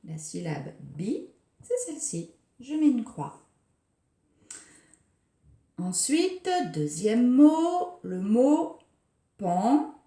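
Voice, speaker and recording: A woman preschool teacher giving a recorded lesson for young children, speaking slowly and articulating each syllable with care. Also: fairly high pitch, very animated, creaky, warm tone. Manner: slow, carefully articulated, scanning syllables. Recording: roomy echo.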